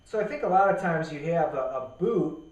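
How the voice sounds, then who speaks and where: Chatty male host for a gear review, slightly high, recorded off-mic in an echoey room. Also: lively intonation, brisk. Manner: chatty, loose and jokey. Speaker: show host. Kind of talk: casual gear review chat. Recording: roomy echo, far from mic.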